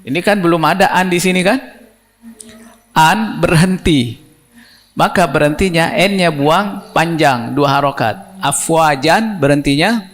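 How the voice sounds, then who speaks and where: A man's voice: a little high, measured pace, fairly bright tone. A man teaching Quran recitation rules step by step to a class, often checking whether his listeners understand. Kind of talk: tajwid lesson for teachers.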